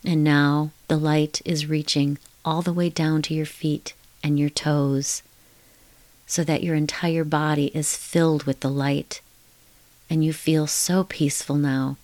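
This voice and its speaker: A woman leading a guided hypnotic relaxation in a slow, soothing, hushed countdown manner with repetitive, lulling phrasing. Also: sits low, little pitch movement, no room sound.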